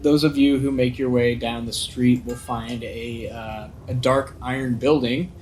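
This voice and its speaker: Male game master, average pitch, halting descriptive tabletop narration, quiet music underneath. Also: steady tone, poor audio.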